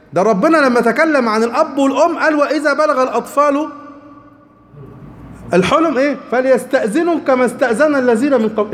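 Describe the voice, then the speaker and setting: Fast, high-voiced Egyptian preacher. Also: male voice, big-room sound. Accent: Egyptian Arabic. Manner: emphatic, rhetorical questions to the audience. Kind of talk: colloquial religious lecture.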